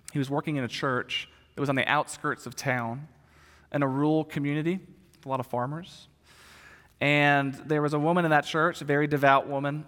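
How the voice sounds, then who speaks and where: A man's voice: medium pitch, a bit bright. A man preaching a sermon as a pastor, telling stories earnestly and pressing his points with rising emphasis. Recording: long reverb of a large hall.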